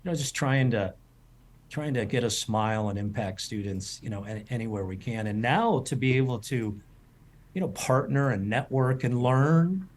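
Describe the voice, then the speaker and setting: A man's voice: medium pitch, animated, moderate pace, a little mellow, a little hiss or hum. A man in his fifties, a culinary school president, telling stories in an interview with many restarts and fillers. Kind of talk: storytelling interview answers.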